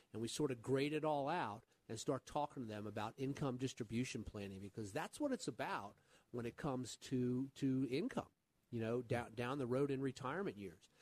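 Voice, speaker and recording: A man's voice: mid-range voice, a little mellow, dry recording. A man hosting a call-in radio show and giving financial advice, earnest, often repeating words as he starts a sentence.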